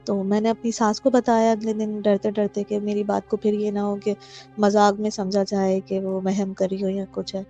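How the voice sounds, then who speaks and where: A woman from Pakistan calling in to tell her own ghost story, pausing often with fillers and slipping English words into her speech. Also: mid-range voice, monotone, mellow. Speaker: caller sharing a personal story. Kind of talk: telling a true ghost story. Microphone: phone voice note. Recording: dull lo-fi voice note with faint music.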